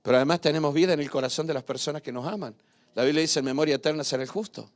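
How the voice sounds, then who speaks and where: A man preaching a sermon in a slightly high voice. He talks to his listeners conversationally, firing off rhetorical questions and little tag questions. He moves easily between raised, emphatic points and soft asides. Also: very fast. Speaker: pastor.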